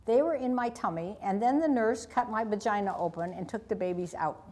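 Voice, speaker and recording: A proud tiny girl plays mother to her new babies and chats about them matter-of-factly, as a woman reading aloud voices her. The lines sit a bit higher than the reader's own telling. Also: brisk, darkish tone, close to an everyday voice. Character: proud three-year-old girl pretending to be a mother.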